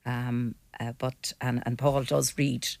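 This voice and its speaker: A woman's voice: rumbling low, little pitch movement, slow pace, creaky, a little mellow. An older woman with a west of Ireland accent, talking casually and bluntly as a guest on a panel discussion. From Mayo, west of Ireland.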